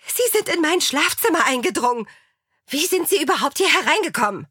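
A woman reading a story aloud and voicing an indignant aristocratic woman who snaps in a high, shrill, scolding voice. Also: big pitch swings, a little fast, pushed and bright, no room sound, clean studio sound, heavily acted. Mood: outraged.

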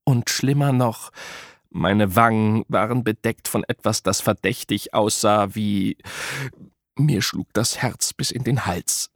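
Low wry male audiobook narrator. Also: slow, no room sound, clean studio sound. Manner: wry, dramatic storytelling. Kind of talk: scripted first-person audiobook narration.

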